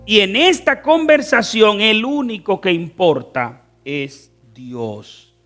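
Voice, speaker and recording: A man with a Dominican accent preaching a fervent sermon as pastor, swinging between soft, drawn-out phrases and loud emphatic ones. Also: high voice, expressive, soft background music. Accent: Dominican Spanish. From Dominican Republic. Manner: fervent preaching with wide swings in loudness and stretched words.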